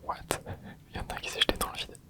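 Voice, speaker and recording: Whispering rapid-fire, an ASMR gaming host murmurs casual remarks to himself as he plays. His soft commentary is packed with gamer slang.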